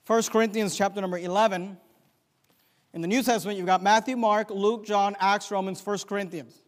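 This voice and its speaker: A male pastor preaching a sermon, emphatic, swinging between loud declarations and quiet asides, and reciting scripture in old-fashioned wording. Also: high-pitched, fairly even intonation, a little fast. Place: church sanctuary. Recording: long church hall reverb.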